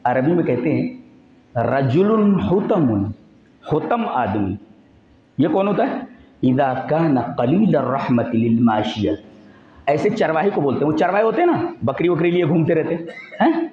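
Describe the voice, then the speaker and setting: A man giving a Friday sermon in a mosque, emphatic and animated, sometimes acting out voices in quotes. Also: on the high side, reverberant, highs cut off. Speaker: preacher.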